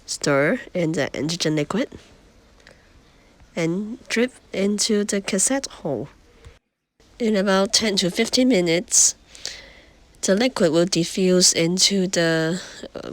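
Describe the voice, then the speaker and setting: A woman, hoarse from illness, plainly explaining and demonstrating items for a home video. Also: lowish voice, lively intonation, measured pace. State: hoarse sick voice. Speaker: vlogger.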